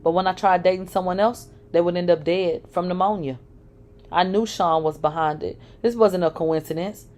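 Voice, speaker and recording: A woman's voice: lowish voice, steady tone, normal speed, a little mellow. A woman reading a dramatic first-person story aloud, emotional and blunt, with swearing. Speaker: narrator.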